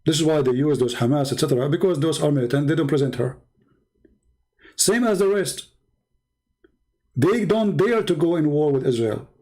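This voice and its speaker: Sarcastic Middle Eastern-born debater, man, mocking and challenging tone, voice on the higher side. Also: moderate pace, long pauses, a little mellow, low-quality recording. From Middle East. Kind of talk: polemical monologue.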